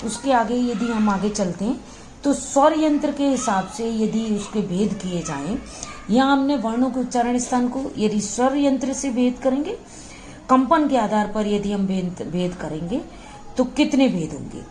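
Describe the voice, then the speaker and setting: A woman's voice: on the high side, expressive, a little mellow, a little hiss or hum. A woman teaching a lesson, patiently explaining and sounding out each letter, checking in often with her listeners. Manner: models sounds slowly and aloud. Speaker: Hindi grammar teacher.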